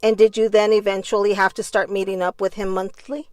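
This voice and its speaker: A woman's voice: medium pitch, flat delivery, a little fast, darkish tone, no echo, soft background music. A woman reading out courtroom testimony in question-and-answer form.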